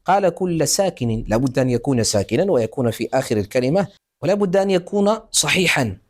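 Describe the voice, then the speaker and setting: A man teaching a Quran recitation lesson on tajweed, explaining rules and drawing out example words slowly and deliberately. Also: medium pitch, sing-song. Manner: slow, deliberate examples with restarts.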